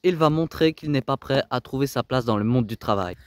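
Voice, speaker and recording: A man's voice: medium pitch, brisk. A man delivering scripted reality TV voice-over with emphatic, dramatic phrasing. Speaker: narrator.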